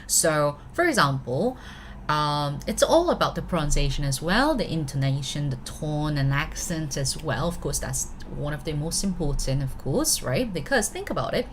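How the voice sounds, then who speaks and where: A Korean woman with a Korean accent teaches a live online language lesson, chatting easily, switching between English and Korean, and often checking in with her students. Her voice is low with big pitch swings, her pace moderate, and there's slight background noise.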